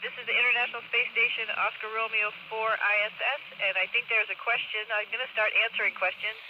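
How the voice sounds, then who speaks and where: A man speaking from a space station over a radio downlink, patiently repeating call signs and answering questions. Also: sits high. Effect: heard over a radio downlink. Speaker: astronaut answering school questions. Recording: muffled radio reception with loud static.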